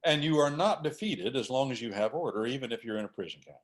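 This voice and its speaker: A man's voice: mid-range voice, expressive, fast. A man hosting a conversation, driving points home with emphatic, preacher-like repetition. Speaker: host. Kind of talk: conversational talk on faith and order.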